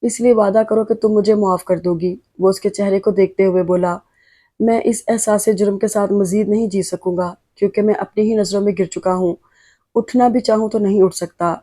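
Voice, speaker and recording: A woman's voice: medium pitch, steady tone, dark tone, natural voice. A woman reading the lines of a remorseful, loving young husband in a pleading, emotional way. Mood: tender. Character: remorseful young husband, tender, guilt-ridden.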